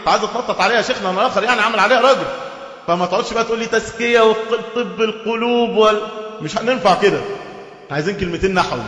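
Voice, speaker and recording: A man with an Egyptian accent giving a lively, sarcastic religious lesson, mimicking others and slowing down to recite texts. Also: high voice, echoey room, in a large hall. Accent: Egyptian Arabic.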